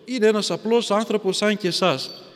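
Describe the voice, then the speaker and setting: A man's voice: high voice, close to an everyday voice. A man voicing a stern holy ascetic who rebukes a crowd from his pillar, solemn and repetitive. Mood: reproachful. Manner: solemn, reproachful, repeats himself for emphasis. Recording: long hall reverb.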